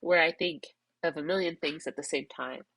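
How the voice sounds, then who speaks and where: Tearful and congested, a middle-aged vlogger rambles and reflects on herself in an emotional vlog, processing her thoughts aloud. Her low-pitched voice is gravelly at a normal speed, and there's noise in the background.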